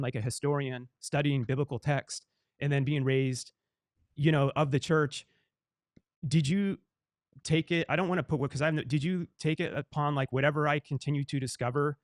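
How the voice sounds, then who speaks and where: A man's voice: mid-range voice, no room sound, studio quality. Rambling man asking a long question. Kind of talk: podcast debate.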